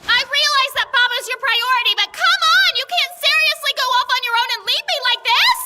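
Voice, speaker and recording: A woman's voice: extremely high pitch, brisk. A woman playing a bossy, fretful teenage girl in an English anime dub. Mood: panicked complaining.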